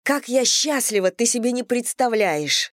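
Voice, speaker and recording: A woman's voice: fairly high pitch, measured pace, dry recording, studio quality, pitched above the performer's own voice. A woman doing a giddy young bride-to-be. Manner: bubbly, playful, excited.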